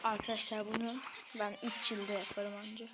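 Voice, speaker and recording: A woman giving excitable, easily frustrated commentary on a mobile game she plays, talking straight to her viewers. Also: medium pitch, a little fast, heavy background noise. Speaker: gaming channel host. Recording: clear background game music.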